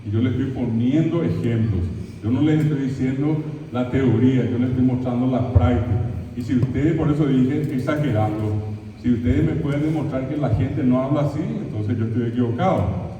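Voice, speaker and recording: A man giving a lively, practical talk straight to his audience. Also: mid-range voice, normal speed, highs cut off, slight background noise. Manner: animated, practical, addresses the audience directly. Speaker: lecturer. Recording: echoey hall from far off.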